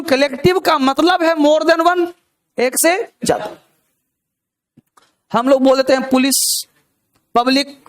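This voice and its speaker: High-voiced man quizzing a class. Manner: keeps quizzing students with rhetorical questions. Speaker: English grammar teacher. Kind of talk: live classroom lecture. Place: classroom with students.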